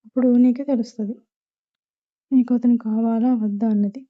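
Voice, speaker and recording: Woman doing a kind, motherly mother-in-law, slightly high, with tinny lo-fi sound. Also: steady tone, normal speed, natural voice. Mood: advising. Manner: gentle, motherly advice. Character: caring middle-aged mother consoling her son's shy bride.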